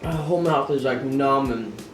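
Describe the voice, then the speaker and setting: A man's voice: medium pitch, moderate pace. A man vlogging casually while his mouth and throat burn from very spicy food. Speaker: vlogger doing a food challenge. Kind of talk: casual vlog chat. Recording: roomy echo, music behind.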